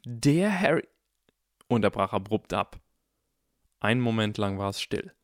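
A man reading a fantasy novel aloud as audiobook narrator, steady and expressive. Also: fairly low pitch, normal speed, no echo, studio quality. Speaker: audiobook reader. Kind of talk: scripted narration.

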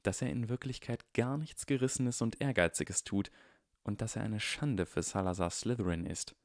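A haughty young wizard boy with clipped, sneering lines, put on by a male reader. The voice sits low and close, with no room sound at all. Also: moderate pace, no echo, lightly acted.

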